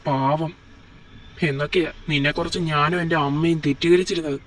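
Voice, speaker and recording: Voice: mid-range voice, steady tone, a little fast, a bit bright, far from the mic, lightly acted. A performer voicing an angry, suspicious young husband in a home-made doll drama, curt and contemptuous. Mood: accusing. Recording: voice set back from the mic.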